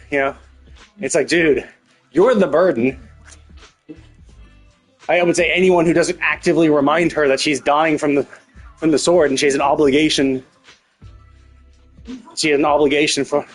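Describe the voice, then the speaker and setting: Indoors at a livestream setup with music playing, a man streams a story game while thinking aloud. His voice is fairly high and husky, and he rambles casually, sarcastically and with plenty of swearing.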